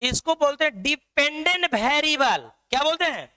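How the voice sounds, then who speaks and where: High, bright-voiced math teacher. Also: male voice, animated, moderate pace. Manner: drills students with repeated questions. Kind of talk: online math lesson.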